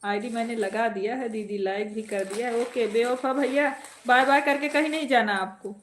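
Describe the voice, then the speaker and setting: A woman's voice: fairly high pitch, fairly even intonation, normal speed, slight background noise. A woman hosting a casual live stream from home with an Awadhi accent, reading viewer comments aloud and greeting people by name with playful teasing.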